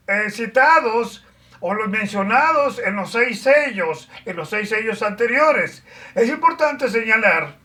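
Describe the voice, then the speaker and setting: Slow, bright-voiced woman teaching Bible study. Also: medium pitch, distant mic. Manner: measured, explanatory, pauses with "eh" and restarts.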